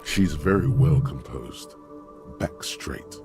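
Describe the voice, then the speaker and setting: A man's voice: a bass voice, animated, creaky, a little mellow, full character voice. A man voicing the omniscient narrator of a video game, delivering scripted narration in a grave, brooding way. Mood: ominous. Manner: grave, ominous, deliberate. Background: game music.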